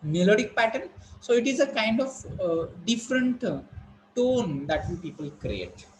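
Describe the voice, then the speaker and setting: Teacher lecturing online. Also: male voice, high voice, big pitch swings, noisy background. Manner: explaining slowly with many fillers and repetitions. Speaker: college English teacher. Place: online class.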